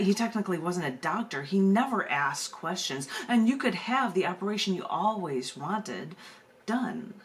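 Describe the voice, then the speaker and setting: Her voice is deep and a touch bright. She is a poet hosting an open mic over video call, alternating between chatting casually and reading her poems in a narrative style, with noisy room sound in the recording.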